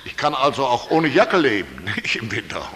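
A man's voice: mid-range voice, very animated, normal speed, fairly bright tone, a little hiss or hum. A male preacher retelling a Bible story in a folksy, colloquial way, often tossing "nicht?" to his listeners. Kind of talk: sermon, Bible story retold. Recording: long hall reverb.

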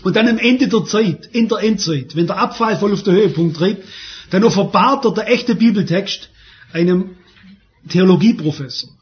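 High-voiced preacher, emphatic. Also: male voice, animated, moderate pace. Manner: emphatic, repeating phrases for stress. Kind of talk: sermon. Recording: dull lo-fi sermon recording.

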